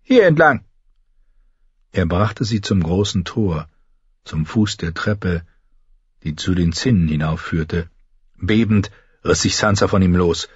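A man reading a novel aloud as audiobook narrator, in a measured storytelling manner. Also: sits low, slightly rough, dry recording. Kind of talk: scripted narration. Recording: dull, dry lo-fi recording.

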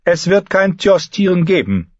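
A man's voice: high voice, big pitch swings, unhurried, dry recording, highs cut off, voice pushed up, full character voice. A man reading an audiobook, voicing a cold, commanding queen who talks down to her son. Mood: imperious. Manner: commanding, cutting, condescending. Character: imperious queen mother, cold and sharp.

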